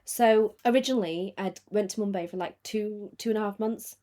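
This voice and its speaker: A woman in her thirties from England, telling her story in a relaxed podcast chat, full of fillers and asides. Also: mid-range voice, normal speed. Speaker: podcast guest, choreographer in film industry. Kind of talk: casual chat.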